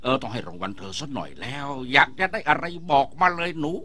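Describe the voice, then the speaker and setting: A man voicing a fussy middle-aged man in a cartoon dub, chatty and quick to exclaim. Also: medium pitch, husky, full character voice. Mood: apologetic. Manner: animated, chatty, exclaims often.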